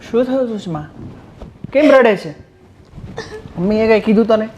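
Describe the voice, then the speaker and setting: A man's voice: a little high, fairly even intonation, a little slow, close to an everyday voice. An actor playing a young husband who consoles his crying wife and reassures her in a family drama. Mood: concerned. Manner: soothing, reassuring, earnest.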